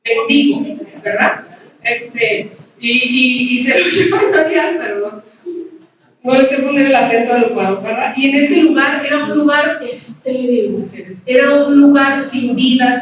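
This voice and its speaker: A woman pastor with a Mexican Spanish accent preaching at a women's conference, talking conversationally and asking the audience questions. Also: sits high. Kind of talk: sermon. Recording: very echoey hall, distant mic, faint noise.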